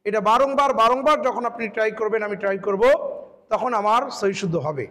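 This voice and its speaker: High-voiced man teaching recitation. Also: bright, forceful tone, long reverb tail. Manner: patient, drills words by slow drawn-out repetition. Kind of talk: tajweed pronunciation lesson.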